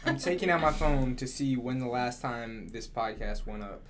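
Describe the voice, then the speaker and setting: A woman's voice: extremely low pitch, moderate pace, slight background noise. A woman hosting a podcast, chatting casually and jokingly with lots of "like" fillers. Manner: joking, rambling, many "like" fillers. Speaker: podcast host. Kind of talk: casual chat.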